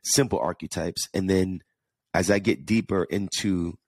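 Brief: male podcast host, New York–Jersey accent, very low voice, earnest solo monologue, dry close sound. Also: fairly even intonation, unhurried, husky, dry recording. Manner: earnest, repeats words and restarts often.

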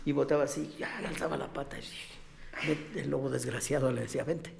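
A man, a comic actor telling a story in an interview, acting out voices with sudden high shouts and laughs. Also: fairly even intonation, a little fast, gravelly, very noisy. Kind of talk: casual interview, animated storytelling.

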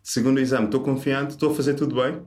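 A man with a European Portuguese accent, a stand-up comedian telling a story in casual chat, animated and acting out the people in it. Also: medium pitch, quick pace. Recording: roomy echo.

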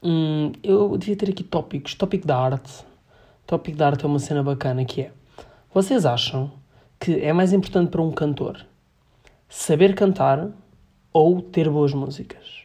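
A man's voice: a little high, normal speed, dark tone. A young man with a European Portuguese accent, hosting a casual solo podcast, rambling and self-mocking in slangy talk. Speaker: podcast host. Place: at home.

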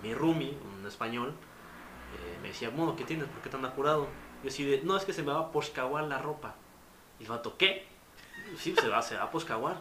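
This young Mexican man, medium-pitched and a little fast, relays stories in slangy, casual conversation with his Mexican accent. He brings each retelling to life, and the room is audible along with faint noise.

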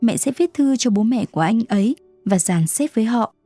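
A woman voicing a gentle, kind noble mother who speaks in a soft, soothing way. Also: fairly high pitch, lively intonation, fairly quick, dry recording, faint music behind.

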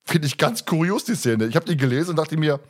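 A man's voice: fairly high pitch, quick pace, slightly rough. A man hosting a casual podcast chat, talkative with frequent self-corrections, who also reads aloud from a book. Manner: chatty, laughing, with self-corrections. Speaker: podcast host.

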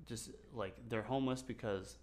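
A man's voice: mid-range voice, moderate pace, darkish tone. A man co-hosting a casual podcast, rambling and joking with frequent laughs. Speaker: podcast co-host. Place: local to Las Vegas.

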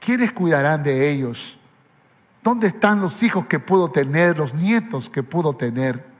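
High-voiced fervent male preacher. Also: animated, measured pace. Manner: fervent, repeats phrases for emphasis. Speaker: pastor. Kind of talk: impassioned sermon. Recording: reverberant hall with faint music.

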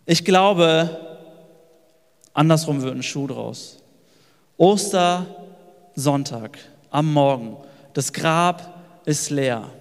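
A man's voice: fairly high pitch, very slow, pauses often. A man preaching a sermon with emphasis, repeating phrases and building long lists. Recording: long hall reverb with soft music.

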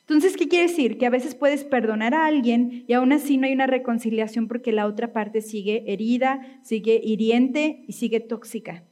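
A woman pastor delivers a sermon in a relaxed, conversational way, constantly checking in with her listeners through quick tag questions. Her voice sits a little high for a woman.

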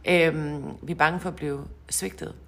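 A woman's voice: deep voice, steady tone, vocal fry. A woman co-hosting a casual podcast chat, a coach who talks in a chatty, laughing way and often repeats words.

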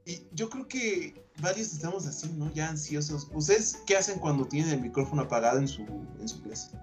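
A Mexican man co-hosting a casual podcast from home, an animated storyteller who talks over an online call. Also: a little high, fairly quick, soft background music. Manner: animated storyteller, breaks into playful singing. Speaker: podcast co-host.

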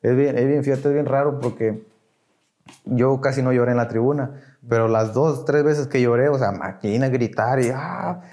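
This young Mexican-accented man talks warmly at a normal speed in a medium-pitched voice. As a podcast guest in casual conversation, he recounts his story in slang with real emotion, acting out the voices of people he quotes.

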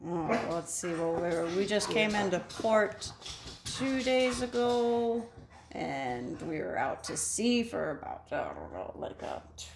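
A woman voicing a gruff male sailor fresh from port, with a weak put-on Scottish accent and halting, rambling speech. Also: mid-range voice, big pitch swings. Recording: echoey room with background noise.

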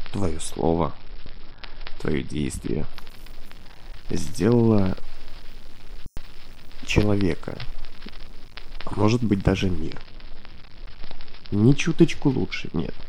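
A young man in his twenties speaks in a very deep, heavily gravelly voice. He talks in a thoughtful, halting monologue, with a faint hiss of noise behind him. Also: a little mellow, low-quality recording. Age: 20s. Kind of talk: reflective monologue.

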